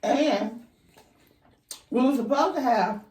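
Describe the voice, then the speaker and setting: Woman eating n chatting casually, relaxed voice, kinda far from the mic in an echoey room. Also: a little high. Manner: eating while talking, with pauses and murmurs. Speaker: vlog co-host. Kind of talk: casual chat while eating. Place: indoor room at a table. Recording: roomy echo, distant mic.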